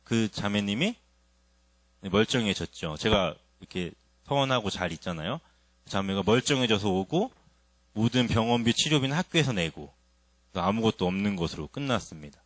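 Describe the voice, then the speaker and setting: A man's voice: on the low side, lively intonation, moderate pace, a bit bright, no echo. A young man preaching a sermon, telling his own testimony and putting questions to the congregation.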